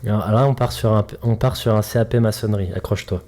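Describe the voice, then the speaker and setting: A mobility coach hosts a casual solo podcast in a fairly low, warm voice, speaking fast with fairly even intonation. He is chatty and jokey, addressing the listener directly and explaining through homely analogies.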